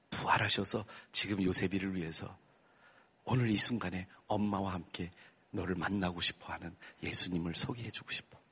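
A man voicing a gentle, patient mother who speaks softly and slowly to comfort her crying son. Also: lowish voice, breathy edge, pitched below the performer's own voice, exaggerated voice. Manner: soft, slow, hushed tenderness.

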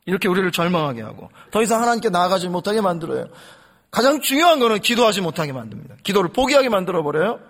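An impassioned male pastor preaching a sermon in a high voice. His delivery swings widely in pitch, and he keeps turning to speak straight to the congregation. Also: big pitch swings, very fast, a bit bright. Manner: impassioned, addresses congregation directly.

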